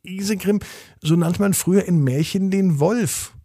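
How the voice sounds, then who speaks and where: A man voicing a calm explaining mother. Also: high voice, measured pace, dry recording, studio quality, pitched above the performer's own voice. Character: patient mother explaining old words.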